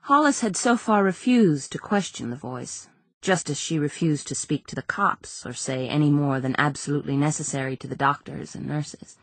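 A woman reads a novel aloud in a measured, subdued way. Her voice is low and husky, recorded dry and close with no room sound. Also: dry recording. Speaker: audiobook narrator. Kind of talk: scripted narration.

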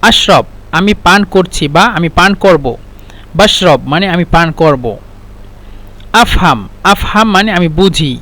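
A man's voice: sits high, fairly bright tone. A man with a Bangladeshi accent teaches an Arabic vocabulary lesson, repeating each word and then explaining it.

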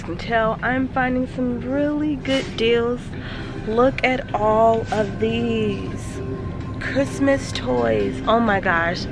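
A woman's voice: a little high, takes it slowly, creaky, over music. Chatty woman vlogging with her phone. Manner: chatty and enthusiastic. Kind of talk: casual shopping vlog chat. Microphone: phone held at arm's length.

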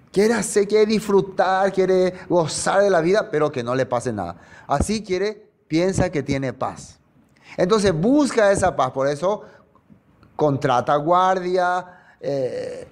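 A man leads a sermon-style Bible study with a somewhat high voice. He keeps checking in with rhetorical questions and sinks low on key words with dramatic pauses. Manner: dramatic pauses, sudden drops in pitch. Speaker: preacher.

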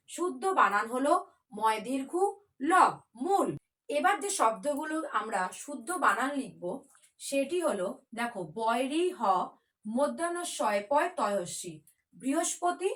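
A woman's voice: high voice, lively intonation, unhurried, a bit bright. A woman teaching a children's spelling class in a patient, coaxing way, spelling words out letter by letter.

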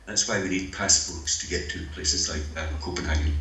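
An older Scottish man speaking by video link at a conference, lecturing in a measured, dryly humorous way. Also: sits low, fairly even intonation, bright, forceful tone. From Scotland. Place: meeting room, voice played over speakers. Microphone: video call. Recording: roomy hall with faint noise.

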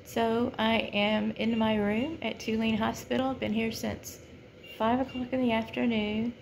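Creaky, subdued American woman resting after surgery. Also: a little high, flat delivery, unhurried, a little mellow, slight background noise. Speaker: vlogger. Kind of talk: casual video diary. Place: small hospital room, in bed. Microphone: phone at arm's length.

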